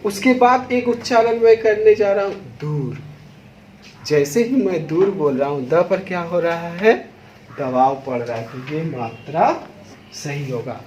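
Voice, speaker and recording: A man teaching a Hindi lesson, addressing students directly and sounding out each syllable with deliberate stress. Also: fairly high pitch, darkish tone, reverberant, dull audio, a little hiss or hum. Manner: slow, stressing each syllable aloud to demonstrate. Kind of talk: classroom lesson.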